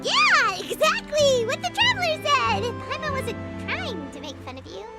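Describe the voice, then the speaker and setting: A woman voicing a tiny, cheeky, excitable childlike fairy companion in a video game, squeaky and exclamatory. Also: measured pace, heavily acted. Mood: apologetic, flustered. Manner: squeaky, exclamatory, speaks of self in third person. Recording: prominent music behind the dialogue.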